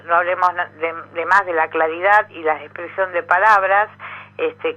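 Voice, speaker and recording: A woman's voice: fairly low pitch, dull audio. Chatty Argentine woman hosting a radio interview. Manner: chatty, encouraging back-channel. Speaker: radio host.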